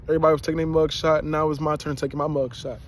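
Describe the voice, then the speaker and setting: A man's voice: a little high, level tone, racing, a little hiss or hum. A young man telling a personal story in a casual, rambling way, full of slang and repeated words. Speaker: vlogger and rapper.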